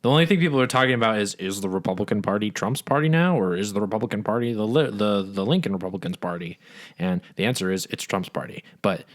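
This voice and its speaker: A man's voice: lowish voice, fast talker. Wry young man joking casually. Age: young adult. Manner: wry, joking, dark humor. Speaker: podcast co-host. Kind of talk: casual chat.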